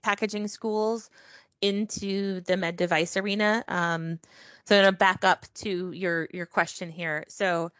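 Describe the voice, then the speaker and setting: A woman with a fairly low voice talks through a casual interview, rambling along with frequent ums and self-corrections. The call audio is dull and lo-fi with no room sound at all. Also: steady tone, a little slow, a bit bright, no room sound. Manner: chatty, frequent ums and restarts. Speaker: podcast guest, packaging professional.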